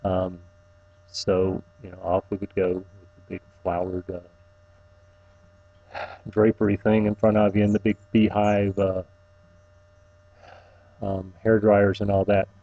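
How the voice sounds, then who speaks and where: A middle-aged man giving an informal, personal eulogy, tenderly reminiscing in a halting, faltering way with long pauses. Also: lowish voice, level tone, narrow, tinny audio.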